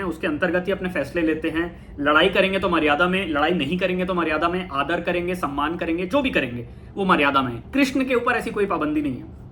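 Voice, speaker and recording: A man giving a casual talk on spirituality, thoughtful, pausing and correcting himself often. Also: high voice, sharp tone, a little hiss or hum. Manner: thoughtful, with frequent fillers and self-corrections. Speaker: talk host.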